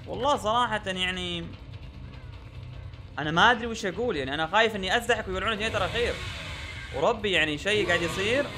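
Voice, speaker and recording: A man's voice: high voice, very fast, pauses often, music in the background. A young man giving gameplay commentary, exasperated and repeating himself with frequent oaths. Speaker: gaming YouTuber.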